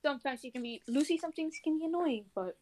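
A woman's voice: high voice, animated, fast talker, a little mellow. A young woman chatting on a casual podcast, hesitant and often unsure. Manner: hesitant, easily confused. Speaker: podcast co-host.

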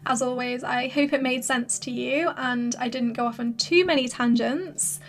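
A woman hosting a solo podcast with casual, rambling, encouraging advice, her voice slightly hoarse as if she is losing it. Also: sits high, steady tone, normal speed, faint music behind. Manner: informal, filler-heavy, rambling encouragement. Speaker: podcast host and creative business coach.

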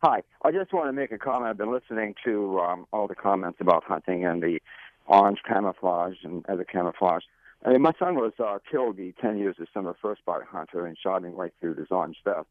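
Mature male phone-in caller, low dry voice, measured and halting, thin telephone sound. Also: expressive, no echo. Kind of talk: unscripted call-in comment. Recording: narrow, tinny phone line.

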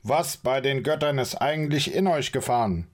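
A man's voice: medium pitch, moderate pace, pitched above the performer's own voice, lightly acted. A man voicing an irritable male leader who scolds and barks orders at his companions, in an audiobook reading. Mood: furious. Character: irritable male leader, short-tempered and commanding.

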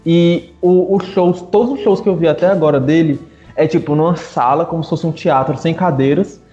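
A man co-hosting a podcast, chatting in a relaxed, slangy, enthusiastic way about live music over a call. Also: on the high side, moderate pace. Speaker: podcast co-host. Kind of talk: casual chat. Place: remote video call. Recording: echoey, dull home mic.

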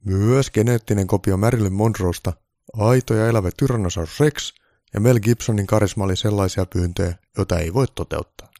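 Blunt old Santa Claus, put on by a man: firm, dry delivery, gravelly and dark-toned, in a comic storybook reading. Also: fairly low pitch, no room sound, voice pushed up, lightly acted. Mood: blunt, matter-of-fact. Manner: dry, matter-of-fact, firm.

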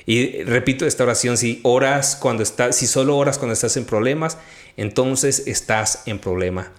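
A man, hosting a devotional podcast and telling a personal faith story in a lively conversational way. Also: mid-range voice, moderate pace. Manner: animated storytelling, quotes his own prayers. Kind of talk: conversational testimony.

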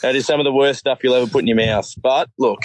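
A man's voice: mid-range voice, fast, over a noisy crowd. An Australian man chatting casually as a phone-in guest, with a slangy, laid-back tradesman's way of talking. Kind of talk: casual banter.

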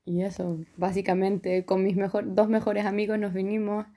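A young woman from Chile with a Chilean accent, a podcast guest telling her story in a relaxed way and laughing easily. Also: medium pitch, moderate pace. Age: young adult. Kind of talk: casual interview chat.

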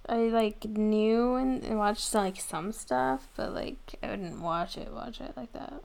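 A woman's voice: fairly high pitch, a little slow, gravelly, a little mellow. A woman co-hosting a podcast in casual chat, answering in a dry, brief, unenthused way. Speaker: podcast co-host.

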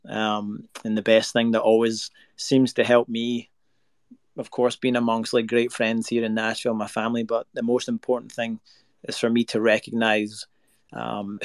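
A Scottish singer-songwriter with a mid-range voice joins a video call as a guest from his home recording space in Nashville. In this casual interview chat he's earnest and reflective, rambling with fillers, and the Scottish accent is clear. There's no echo.

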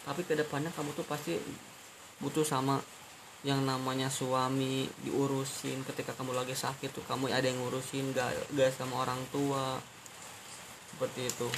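A man in a personal monologue to his girlfriend, talking in an earnest, halting way, repeating phrases and restarting often. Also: medium pitch. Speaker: podcast host. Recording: steady hiss behind the voice.

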